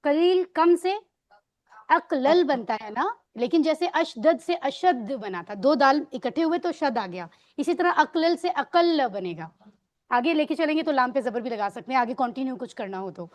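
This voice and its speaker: A woman's voice: high voice, expressive. A woman teaching a grammar lesson, patiently quizzing her students on words and mixing English words into her explanations. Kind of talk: online Arabic grammar lesson.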